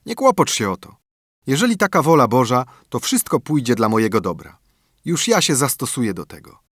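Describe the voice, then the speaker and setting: A clever young lad speaks up high and eager, bold and earnest, as a man puts him on. His voice leaps about with lively pitch, and it is recorded close and dry. It is a plucky storybook hero. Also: brisk, dry recording. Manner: raised, bright, earnest voice. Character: bold, clever young male student, a son.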